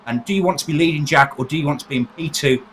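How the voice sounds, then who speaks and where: Male co-commentator, slightly high voice, chatty and chuckling, clear background noise. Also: racing, a bit bright. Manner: chatty, chuckling, rising in pitch at close moments. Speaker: race co-commentator. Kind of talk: live motorsport colour commentary.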